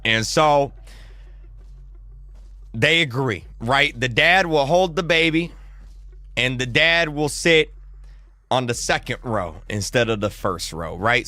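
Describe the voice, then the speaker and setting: A man telling a story in an animated, casual way, excitable and slangy with lots of restarts. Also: mid-range voice, slow pace, no echo.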